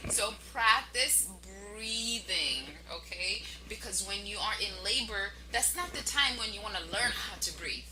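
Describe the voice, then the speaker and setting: A young adult woman hosting a podcast, telling her own story and giving advice in a chatty, animated way that speaks straight to listeners. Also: medium pitch, unhurried, few pauses, background noise. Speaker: podcast host.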